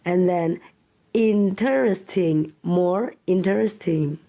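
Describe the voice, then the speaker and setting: A young woman with an Indonesian accent teaching English grammar in a deliberate, step-by-step way, drawing out example words syllable by syllable. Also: mid-range voice, dark tone, low-quality recording. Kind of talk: slow step-by-step grammar lesson.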